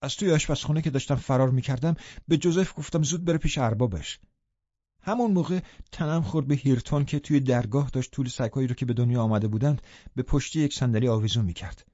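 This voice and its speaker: Male audiobook narrator, mellow dark voice, dry close sound, muffled lo-fi. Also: mid-range voice, no echo. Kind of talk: scripted narration.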